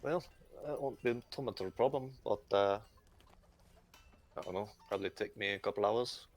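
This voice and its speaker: A man voicing a brisk woman blacksmith in her early thirties with an Irish accent, gruff and matter-of-fact. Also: on the low side, natural voice. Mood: businesslike. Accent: Irish, put on. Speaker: game master.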